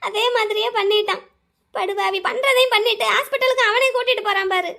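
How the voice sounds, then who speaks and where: A fretful old cartoon grandmother, voiced by a woman, with a very high, shrill voice. She laments and exclaims over the family, protective and quick to scold. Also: vocal fry, bright, forceful tone, exaggerated voice. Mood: worried. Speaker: grandmother called Aachi. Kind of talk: cartoon voice acting.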